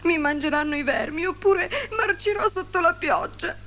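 A woman voicing a young female fir tree, fretful and proud, in a high, plaintive sing-song voice over music. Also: moderate pace, slightly rough. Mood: sobbing. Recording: music playing underneath.

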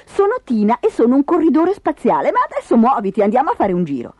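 A woman voicing a plucky young girl who races in space, bossy and excited, in a storybook reading. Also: a little high, fast talker, no echo.

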